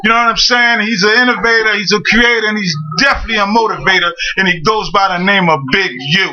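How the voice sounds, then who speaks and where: Fast bright-voiced slangy radio host man. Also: high-pitched, highs cut off, a little hiss or hum. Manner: slangy, fast, repeats "you know what I'm saying". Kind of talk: casual interview.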